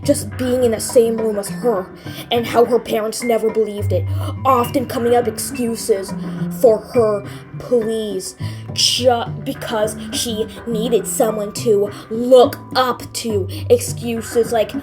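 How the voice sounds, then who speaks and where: A woman's voice: fairly high pitch, steady tone, slow, over music. A woman narrating a scripted first-person horror story in a dramatic storytelling manner. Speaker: creepypasta narrator.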